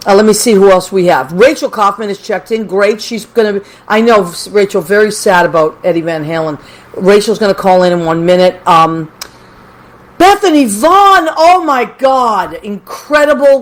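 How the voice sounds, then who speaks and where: A woman's voice: lowish voice, low-quality recording. Effusive American woman hosting a chatty livestream. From Massachusetts, United States. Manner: effusive, affectionate, uses endearments. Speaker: host of a livestream call-in show.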